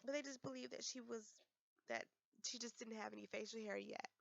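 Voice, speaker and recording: A young woman, hoarse from a cold, giving a class presentation with frequent ums and restarts. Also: a little high, fairly even intonation, fairly bright tone, dry recording, dull audio. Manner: halting, many ums and restarts. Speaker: student presenter.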